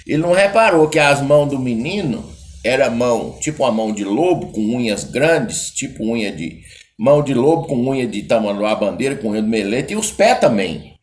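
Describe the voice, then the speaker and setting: A man's voice: medium pitch, animated, a little fast. Caipira man telling a folk tale. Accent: Brazilian caipira. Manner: casual, rambling, colloquial. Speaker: storyteller.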